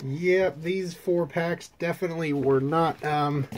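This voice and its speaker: A man casually chatting as he opens trading card packs, listing the cards in a relaxed way with fillers. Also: on the high side, measured pace. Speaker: card-opening channel host. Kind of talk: casual chat.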